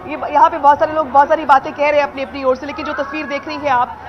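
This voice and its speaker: A woman's voice: sits high, level tone, racing. A woman reporting live from a crowded outdoor event, explaining at length. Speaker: field reporter. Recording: dull outdoor line with crowd.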